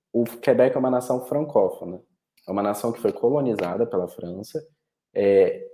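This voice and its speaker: An international education representative from Rio de Janeiro, Brazil, with a Carioca Brazilian Portuguese accent, gives an informative online presentation over a video call. His fairly low, warm voice sounds echoey in the room. He often restarts sentences and uses plenty of fillers.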